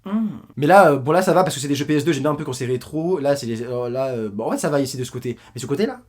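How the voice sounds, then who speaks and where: A man reacting to his own old video in casual commentary, animated and self-mocking, with frequent swearing. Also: mid-range voice, rapid-fire.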